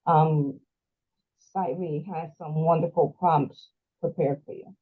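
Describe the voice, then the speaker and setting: A woman's voice: sits low, fairly even intonation, slow, narrow, tinny audio. Chatty woman hosting an online workshop. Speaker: workshop organizer. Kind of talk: casual hosting.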